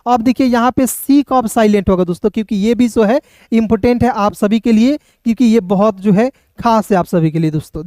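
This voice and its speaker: A man teaching English pronunciation in an online lesson, spelling words out slowly letter by letter and repeatedly coaxing his viewers. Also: high-pitched, mellow, dry recording, clean studio sound. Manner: repetitive, coaxing, keeps addressing viewers as friends.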